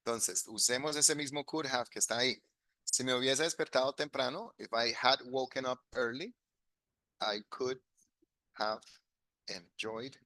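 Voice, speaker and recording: Male English teacher, online class, patient step-by-step explainer, bright voice, dry close sound. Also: medium pitch, dry recording. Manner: explains step by step, switching between Spanish and English examples. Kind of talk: live online grammar class.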